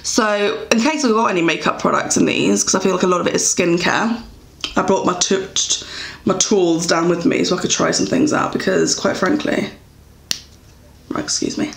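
A woman's voice: fairly low pitch, normal speed, gravelly. Young woman, English accent, casual beauty vlog, chatty and rambling, roomy echo. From England. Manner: chatty, rambling, many fillers and self-corrections. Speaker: beauty vlogger. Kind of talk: casual product review. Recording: echoey room.

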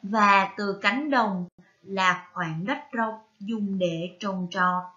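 A woman with a Vietnamese accent teaching a reading lesson to young children, spelling out syllables carefully and prompting them gently. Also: medium pitch, very slow, lo-fi sound. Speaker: primary school teacher.

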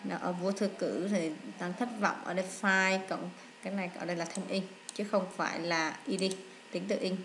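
A woman's voice: on the low side, fairly even intonation, moderate pace, fairly bright tone, slight background noise. A woman English teacher going through exam answers step by step, reading English words aloud and explaining each choice, with frequent hesitant fillers and self-corrections. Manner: reads English words aloud then explains in short steps. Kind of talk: exam walkthrough lesson.

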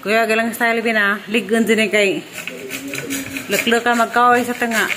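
A chatty woman with a high voice talks casually to her viewers. She laughs easily. Constant background noise sits under the recording. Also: level tone, normal speed. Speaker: vlogger. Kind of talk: casual home vlog chat.

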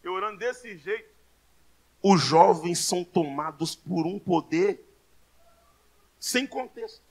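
A man with a Brazilian Portuguese accent preaching a sermon in a church, telling a story that builds into shouting. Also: high-pitched, animated, takes it slowly. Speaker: pastor.

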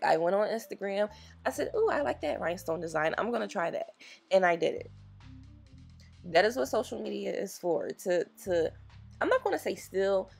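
A woman with a rough, husky voice and a gravelly edge gives a relaxed nail tutorial voice-over. She sounds freshly woken and raspy, talking straight to her viewers in a chatty, encouraging way. Soft music plays faintly behind her. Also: mid-range voice. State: raspy from just waking up. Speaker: nail technician.

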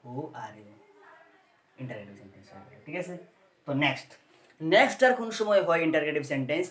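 A man teaching English grammar in Bengali, explaining step by step, asking questions and answering them himself, and reading example sentences slowly word by word. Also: fairly high pitch, sing-song, a bit bright, reverberant. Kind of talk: Bengali-language grammar lesson.

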